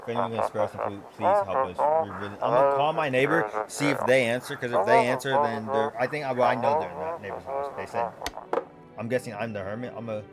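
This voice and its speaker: A man hosting a gaming video, thinking out loud in casual, slangy let's play commentary. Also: mid-range voice, quick pace, creaky, loud music behind the voice.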